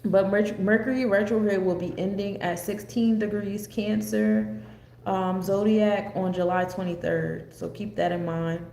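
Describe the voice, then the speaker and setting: A warm-toned American woman with a medium-pitched voice speaks a little slowly and flatly as she covers an astrology forecast. Her delivery is casual and unscripted, rambling with frequent digressions. Faint background noise sits under the echoey room sound.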